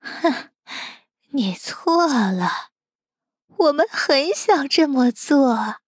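A woman voicing a crazed, cruel kidnapper who taunts slowly and mockingly. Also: sits high, animated, no echo, studio quality, pitched above the performer's own voice, exaggerated voice. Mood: taunting.

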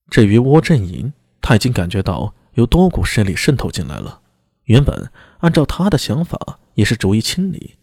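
A man reading a serialized historical novel aloud in a steady storytelling manner. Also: medium pitch, breathy edge, no room sound, clean studio sound. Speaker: narrator.

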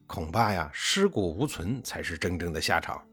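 A man's voice: low voice, sing-song, fairly bright tone, breathy edge. A man narrating history in a chatty, colloquial storytelling style, drawing out his sentence endings. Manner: colloquial, chatty, with drawn-out particles.

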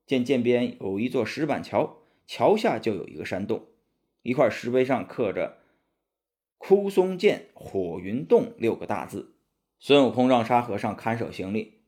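A man narrating a children's story with a lively, expressive reading. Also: medium pitch.

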